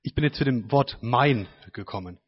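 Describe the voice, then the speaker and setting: Relaxed young man sharing in a group. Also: medium pitch, normal speed, breathy edge. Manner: relaxed, loose with fillers. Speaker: participant. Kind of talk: casual sharing and reading aloud. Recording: dull lo-fi sound.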